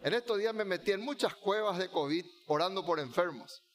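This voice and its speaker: Male pastor, high voice, fervent repetitive sermon delivery. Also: a little fast. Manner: fervent preaching, repeats key phrases, has the congregation repeat lines.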